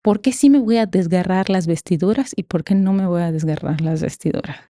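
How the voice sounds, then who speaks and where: Mujer mexicana de voz suave y cálida. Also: female voice, lowish voice, fairly quick, mellow, no echo, clean studio sound. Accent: Mexican Spanish. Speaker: academic guest. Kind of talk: conversational explanation in a podcast interview.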